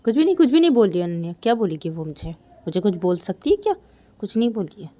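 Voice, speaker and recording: Brief: a bossy, scolding young woman, mellow voice, played by a woman narrator. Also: mid-range voice, big pitch swings, quick pace, close to an everyday voice. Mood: defiant. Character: young woman, defiant, sharp-tongued.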